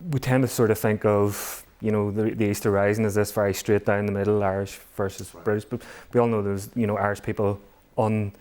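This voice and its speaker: A man's voice: fairly low pitch, little pitch movement, a little mellow. A man hosting an interview, asking long questions with fillers. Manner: fast, rambling questions with fillers. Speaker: host.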